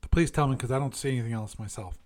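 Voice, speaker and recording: A man's voice: medium pitch, fast, a little mellow. A man hosting a casual solo show, musing aloud and correcting himself as he reviews and chats. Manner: musing, self-correcting, chatty. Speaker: podcast host.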